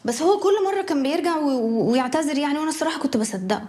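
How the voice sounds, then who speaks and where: A woman's voice: high-pitched, lively intonation, very fast. An actress playing a remorseful young woman with an Egyptian accent, apologizing hesitantly in a TV drama. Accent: Egyptian Arabic. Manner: hesitant, soft-spoken confessing. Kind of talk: TV drama acting.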